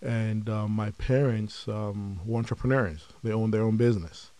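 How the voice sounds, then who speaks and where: Middle-aged man from Nigeria, low warm tone, reflective interview guest. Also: steady tone. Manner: measured, frequent um fillers, reflective. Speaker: podcast guest, company founder. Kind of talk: conversational interview.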